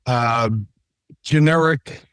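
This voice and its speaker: A man's voice: fairly high pitch, extremely slow, fairly bright tone, clean tone, no room sound. Chatty joking man, dry sound. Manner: chatty and joking, rambling with fillers and asides. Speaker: real estate agent and show host. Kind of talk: casual on-camera chat.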